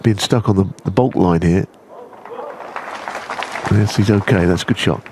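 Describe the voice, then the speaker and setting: A man giving understated, analytical snooker commentary in the hushed, measured manner of a golf commentator. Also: deep voice, crowd noise, noisy background.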